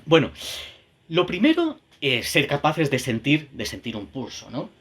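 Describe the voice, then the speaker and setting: A man's voice: fairly high pitch, wildly swooping pitch, unhurried, a bit bright. Man leading an online music workshop. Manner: thinks aloud with many "¿no?" tags and repeated words; chants rhythm syllables to show the beat. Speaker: music teacher trainer. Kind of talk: online teacher-training talk. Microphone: video call.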